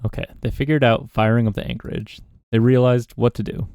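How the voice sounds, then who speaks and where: A gaming content creator plays a card game and gives casual commentary, relaxed and musing as he talks himself through his choices. His medium-pitched voice is brisk with a clean tone, and the recording is lo-fi with no room sound.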